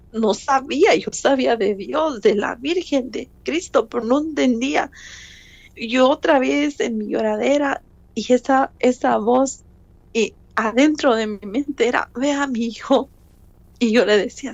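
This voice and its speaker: Slow, earnest woman giving a testimony. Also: fairly high pitch, gravelly, dry recording, muffled recording. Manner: slow, earnest storytelling, addresses listener as brother. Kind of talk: emotional personal testimony.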